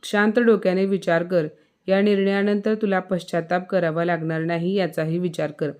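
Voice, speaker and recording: A woman voicing a protective middle-aged mother who speaks calmly. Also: on the low side, moderate pace, smooth, lightly acted. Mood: soothing.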